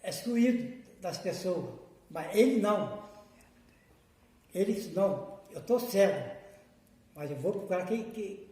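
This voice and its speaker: Brazilian deacon, male, a touch nervous and trembling, fervent repetitive preaching, high but mellow voice, heavy church echo. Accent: Brazilian Portuguese. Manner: fervent, repetitive exhortation, acting out prayers. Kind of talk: sermon. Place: church hall. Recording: booming echoey church hall.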